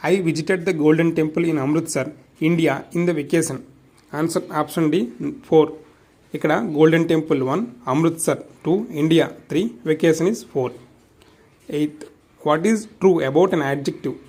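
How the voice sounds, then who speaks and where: A man's voice: a little high, fairly even intonation, drawn-out words, a little mellow. A man with a Telugu accent teaching an exam revision lesson. He reads out quiz questions and their answers and explains them, moving between English and Telugu.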